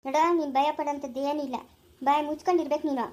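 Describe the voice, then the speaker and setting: A bossy older village aunt, played by a performer scolds in rural Chikkaballapura Kannada. Her voice is very high and her words come fast. She is stern and brisk throughout. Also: steady tone, darkish tone, lightly acted. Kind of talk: village family drama acting.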